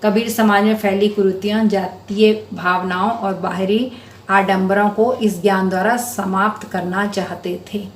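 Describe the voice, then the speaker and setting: A woman's voice: mid-range voice, steady tone, unhurried, slight background noise. Patient woman Hindi teacher, echoey room. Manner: patient, explains terms step by step to children; addresses students affectionately as beta. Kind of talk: school lesson explanation.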